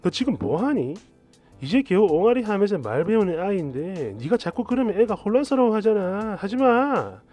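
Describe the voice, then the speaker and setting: A young mother setting a friend straight, curt and firm, as a man reads her lines. The voice sits fairly high and moves a lot in pitch. Soft music runs underneath. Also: big pitch swings, moderate pace.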